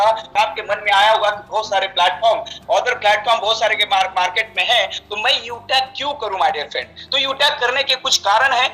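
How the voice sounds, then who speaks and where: A man's voice: bright, forceful tone, low-quality recording. A man giving a salesy slide presentation as a network marketing promoter, often calling his listeners "friends" and slipping into English phrases. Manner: salesy pitch, keeps saying "friends", slips into English phrases; repeats and restarts words.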